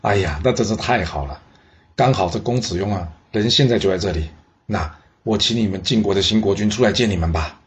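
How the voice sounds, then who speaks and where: A man's voice: fairly low pitch, a little fast, natural voice. A man voicing a genial, shrewd older ruler who talks in a hearty, exclaiming way. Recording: dull lo-fi recording.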